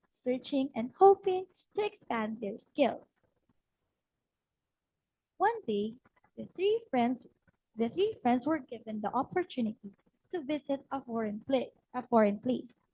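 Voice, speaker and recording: A woman's voice: high-pitched, lively intonation, unhurried, warm tone, breathy edge, rough recording. A young woman, a practice teacher, narrating a short storybook-style presentation with a strained voice and frequent hesitant fillers. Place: ceremony hall.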